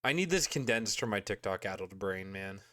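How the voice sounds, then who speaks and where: A man's voice: lowish voice, lively intonation, normal speed, sharp tone. A male-sounding streamer giving casual, exasperated live commentary with informal, sweary phrasing. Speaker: streamer reacting to videos.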